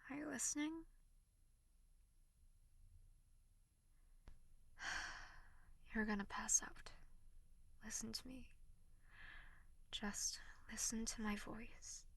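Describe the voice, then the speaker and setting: A woman acts out a young female tsundere tutor in an audio role-play, with a high voice and a gravelly fry at its edges. She is snappy and sharp-tongued but turns halting, breathy and remorseful, taking her time over the words. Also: rough recording. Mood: soft, remorseful. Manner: sharp scolding that softens into halting, breathy near-whispers.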